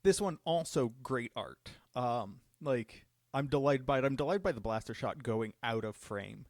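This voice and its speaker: A man's voice: medium pitch, lively intonation, normal speed, no echo, studio quality. A man hosting a live stream Q&A, casually revealing cards with enthusiasm. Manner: enthusiastic, upbeat card reveals. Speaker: judge program host.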